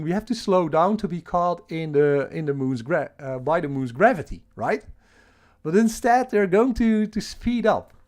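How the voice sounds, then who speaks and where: A livestream host with a Dutch accent chats loosely with his chat from home, restarting sentences and chuckling along the way. His darkish voice sits a little high for a man.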